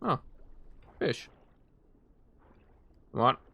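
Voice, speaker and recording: With slight background noise behind him, a man whose first language is German stretches out his words in a bright, forceful tone. He plays a video game on stream, thinking aloud rambling-style and responding to his viewers' chat messages in casual conversation.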